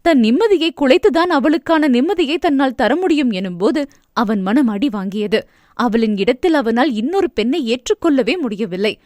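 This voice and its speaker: A woman reads a novel aloud in a steady, expressive narration. Her voice sits fairly high, recorded close and dry with no room sound. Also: normal speed, no room sound. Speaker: audiobook narrator.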